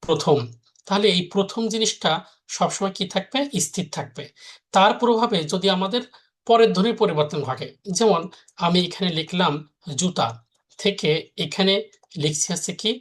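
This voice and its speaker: A man's voice: sits high, normal speed. Male teacher, live lesson, repetitive question-and-answer delivery. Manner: repeats rules, asks and answers own questions. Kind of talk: live online grammar lesson.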